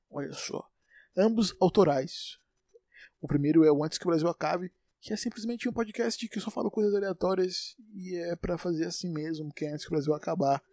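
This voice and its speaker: Recorded at studio quality with no audible room sound, this unedited solo podcast features a twenty-something host from Salvador, Bahia, Brazil. He speaks with a Bahian Portuguese accent in a voice on the high side yet darkish in tone, rambling and correcting himself as he goes.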